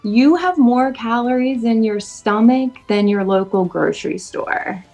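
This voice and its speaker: Gravelly woman trading deadpan insults. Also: on the high side, unhurried, faint music behind, poor audio. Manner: deadpan, mock-sweet insults. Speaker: roast contestant. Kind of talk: insult comedy roast. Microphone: video call.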